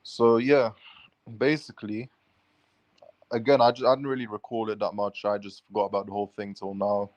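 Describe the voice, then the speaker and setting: A man's voice: on the low side, little pitch movement, fairly quick, darkish tone, dry recording, lo-fi sound. A man recounting a run-in to his vlog viewers in a casual, swearing, run-on style. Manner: swears freely, restless run-on sentences. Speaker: vlogger. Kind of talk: casual rambling storytelling.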